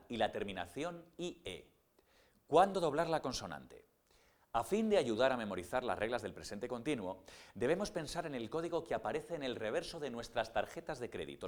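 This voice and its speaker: A man reads a scripted grammar lesson and walks through each rule step by step. His voice moves a lot in pitch and rises and falls as he teaches. He slows down for the example words and spells some of them out. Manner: explains rules step by step, with slow spelled-out English example words.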